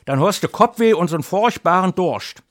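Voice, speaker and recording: A man's voice: sits high, lively intonation, normal speed, fairly bright tone, voice pushed up. A man voicing an anxious old wife in Kassel dialect, pleading with her husband.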